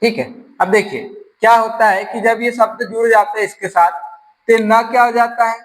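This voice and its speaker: A man's voice: high voice, fairly even intonation, normal speed, a bit bright, poor audio. A man with a Rajasthani accent teaching an exam-prep grammar lesson, explaining step by step and asking and answering his own questions.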